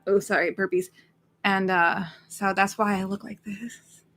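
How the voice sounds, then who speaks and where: A woman's voice: mid-range voice, flat delivery, a little slow, fairly bright tone, faint music behind. A woman in her late thirties co-hosting a livestream, chatting in a rambling, casual way and reading out viewer names. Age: late 30s. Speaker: co-host of a horror watch-party stream.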